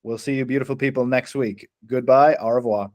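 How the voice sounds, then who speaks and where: An Irish man co-hosting a podcast, telling animated stories, acting out quotes and swearing freely. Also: medium pitch, a little fast, dry recording. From Ireland. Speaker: podcast co-host. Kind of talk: casual storytelling chat.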